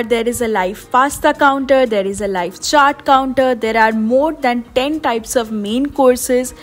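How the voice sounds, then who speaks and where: A young woman, giving a candid voice-over review of a buffet. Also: a little high. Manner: candid, conversational. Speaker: food vlogger host.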